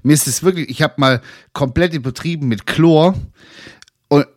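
A man's voice: a little high, normal speed, no room sound, studio quality. A young man, co-hosting a casual podcast chat and telling rambling stories with frequent laughter. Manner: laughs often, rambling storyteller. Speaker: podcast co-host.

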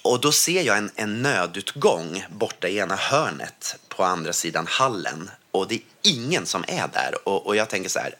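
A man from Sweden tells a personal story in relaxed conversation. His voice sits a little low but sounds bright and pointed. He talks in a rush, stopping and restarting his sentences. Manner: vivid, tumbling retelling full of restarts. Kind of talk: casual storytelling.

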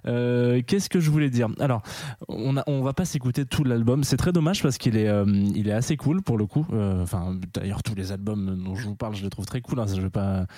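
A man's voice: mid-range voice, brisk, warm tone, no room sound. A young man hosting a live radio show in a studio, chatting casually in a rambling way with many fillers and restarts, and laughing at himself. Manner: self-mocking, laughing at himself.

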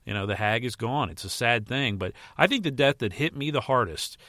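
A man's voice: medium pitch, expressive, brisk, a bit bright, dry recording, clean studio sound. A man who is feeling slightly sick, getting over a virus, hosting a podcast solo in an informal, rambling, mildly profane way. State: recovering from a virus, slightly under the weather. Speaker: podcast host and movie and TV editor. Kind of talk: casual solo podcast talk.

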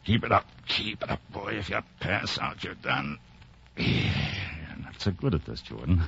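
A man playing a grim, wounded soldier in a 1940s radio drama, straining in pain and muttering haltingly as he urges himself on. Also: on the low side, sing-song, creaky, bright, forceful tone, full character voice. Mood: bitter, pained. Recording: dull, noisy old radio recording.

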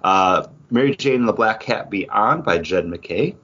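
Reading award nominees aloud, this podcast host keeps things informal and off the cuff in a fairly low, animated voice. He's unhurried, with a pushed, bright delivery, and the recording sounds dull and lo-fi.

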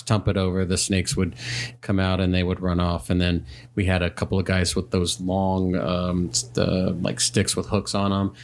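Man, lowish pitch, halting, casual storytelling, podcast guest. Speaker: podcast guest, manager telling work stories. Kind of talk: casual anecdote telling.

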